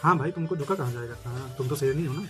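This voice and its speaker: A man's voice: medium pitch, fast talker, over music. A young man doing a comic one-sided phone call as a brother, swinging from brash boasting to sheepish backpedaling. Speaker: comedian playing a brother on the phone.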